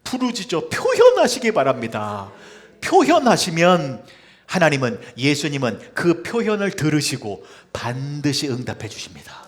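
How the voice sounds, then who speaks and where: A Korean pastor preaching a Sunday sermon, swinging from hushed, almost whispered lines to loud, fervent cries. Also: male voice, a little high, wildly swooping pitch, measured pace. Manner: swings from hushed to shouted cries when quoting scripture. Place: church sanctuary.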